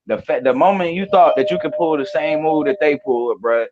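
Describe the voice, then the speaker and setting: Lively storytelling man on a dull line. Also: fairly high pitch, a little fast. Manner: lively storyteller, acts out quotes. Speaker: panelist. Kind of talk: casual storytelling. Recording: dull lo-fi line, faint noise.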